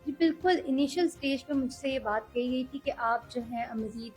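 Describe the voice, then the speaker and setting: A young woman speaking earnestly as an interview guest, measured and hesitant at times. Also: sits high, faint music behind, rough recording. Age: young adult. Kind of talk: political interview.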